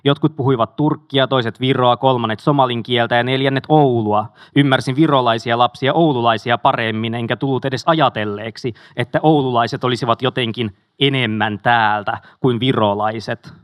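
Guy reading his memoir out loud, steady and measured, mid pitch, dry close mic. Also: no echo. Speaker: audiobook reader.

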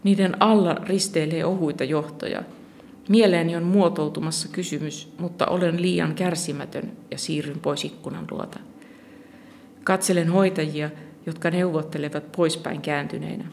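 A narrator reading a first-person short story in a calm, steady storytelling manner. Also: medium pitch, gravelly, slight background noise.

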